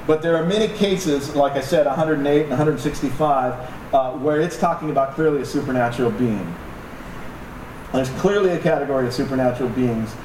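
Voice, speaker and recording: This pastor's voice is fairly high and a little mellow as he preaches casually and humorously to his congregation, turning to the audience with asides. The sound comes from a distant mic in an echoey room with noise.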